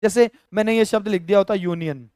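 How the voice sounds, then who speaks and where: Man, teacher, Rajasthani Hindi accent, live grammar class, smooth clear voice, dry close mic. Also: high voice, fast, darkish tone, no room sound. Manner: explains step by step, addresses viewers as friends. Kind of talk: live online grammar lesson.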